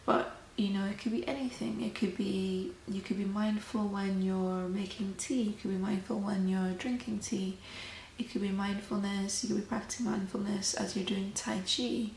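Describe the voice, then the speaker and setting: The host of a tea meditation channel chats in a soft-spoken ASMR style, gentle and unhurried, her medium-pitched voice steady but noticeably creaky. She sounds like she's in a roomy, echoing space with faint noise behind her.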